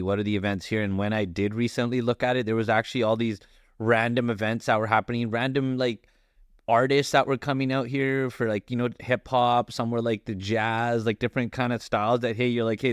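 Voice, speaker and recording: Casual rambling podcast guy, smooth voice, lots of "like"s. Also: mid-range voice, no room sound, studio quality. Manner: rambling, full of "like" fillers. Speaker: podcast co-host. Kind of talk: casual chat.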